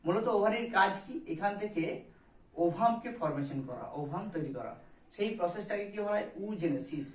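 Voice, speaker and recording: Echoey teacher explaining a diagram. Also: male voice, sits high, lively intonation, normal speed. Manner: mixes English terms into Bengali, asks and answers his own questions. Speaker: biology teacher. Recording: roomy echo, voice from a distance.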